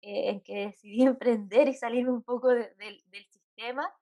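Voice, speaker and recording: Woman, Chilean Spanish accent, fairly high voice, chatty with fillers, dry recording. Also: fairly even intonation, moderate pace, dry recording. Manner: chatty, many fillers and soft laughs. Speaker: psychologist guest. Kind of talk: casual interview chat.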